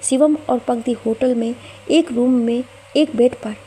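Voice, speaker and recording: A woman's voice: a little high, fairly even intonation, measured pace, mellow, slight background noise, natural voice. Woman voicing a scheming young woman faking tears. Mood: pleading.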